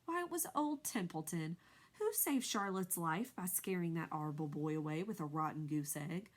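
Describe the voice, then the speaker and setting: A woman's voice: fairly low pitch, lively intonation, moderate pace. A woman voicing a grumpy, lazy, sarcastic male rat in a storybook reading, with a sneering, mocking tone. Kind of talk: storybook read-aloud.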